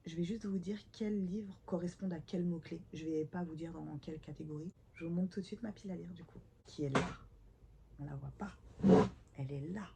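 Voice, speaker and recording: Congested, low-voiced woman vlogging. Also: noisy background. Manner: self-deprecating, a little awkward on camera. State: congested and hoarse with a cold. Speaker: host of a book vlog. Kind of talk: casual chatty vlog to camera. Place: at home, indoors.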